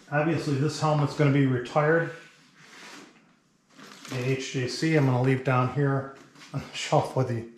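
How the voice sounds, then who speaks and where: A man's voice: mid-range voice, echoey room, a little hiss or hum. A man in his fifties talking casually as a motorcycle vlogger in a workshop, on a small body-worn mic. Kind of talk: casual vlog talk. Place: indoor garage workshop. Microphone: small wireless mic worn on the body.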